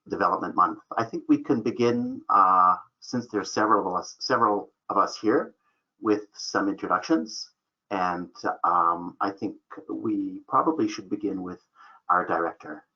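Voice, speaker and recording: A man hosting an online webinar as a program manager, speaking in a relaxed way with many fillers. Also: deep voice, breathy edge. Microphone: video call. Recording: dull lo-fi call audio.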